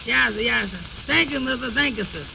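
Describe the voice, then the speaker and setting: A nervous, humble man a very high, creaky voice. He stammers and repeats his folksy phrases in an old radio comedy, on a dull recording full of noise. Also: brisk, exaggerated voice. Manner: stammering repetitions, deferential, folksy ungrammatical speech. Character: anxious, humble, naive man, easily flustered. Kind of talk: 1930s-40s radio comedy acting.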